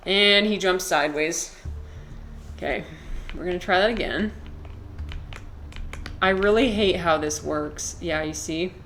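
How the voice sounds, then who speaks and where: Her voice is fairly low and a bit bright, with a little hiss or hum audible. She's a live streamer in her twenties playing a video game, chatting casually, rambling, swearing freely, and answering comments from chat.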